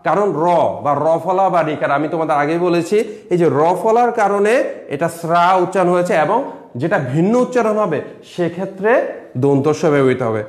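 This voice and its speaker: A man's voice: high-pitched, animated, a little fast, darkish tone, roomy sound. A man with a Bangladeshi accent, a college lecturer giving a recorded lesson, explaining step by step and repeating example words.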